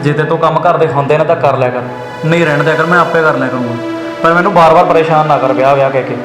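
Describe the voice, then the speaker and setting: A young man with a Punjabi accent, acting a grieving widower and father who talks quickly and earnestly. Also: on the high side, lightly acted. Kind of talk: village drama acting. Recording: echoey room with loud background music.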